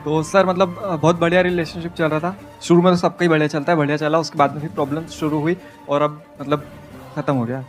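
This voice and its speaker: A man's voice: a little high, flat delivery, fast talker, music in the background. A man in his twenties telling his own story to a speaker. He hesitates and falls into fillers and restarts. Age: 20s. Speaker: audience member asking for advice. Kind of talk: hesitant personal account.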